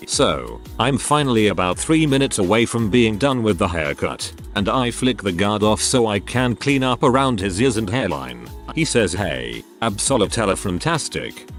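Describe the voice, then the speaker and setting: A man narrating online stories aloud in a steady read-aloud storytelling manner. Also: fairly low pitch.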